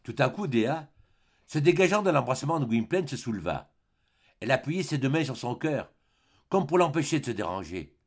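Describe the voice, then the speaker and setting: A man narrates a classic novel for an audiobook with theatrical, expressive phrasing. His voice sits at a middle pitch but rises and falls widely through every sentence. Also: moderate pace, slightly rough. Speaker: audiobook reader.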